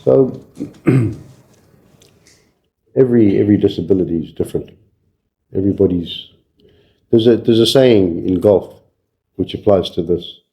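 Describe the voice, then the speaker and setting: Speaking low and unhurried with frequent pauses, this older Zimbabwean shop owner has a dark tone, heard on a low-quality recording. He turns philosophical in a casual interview, asking rhetorical questions and repeating himself in stammers as he works things out.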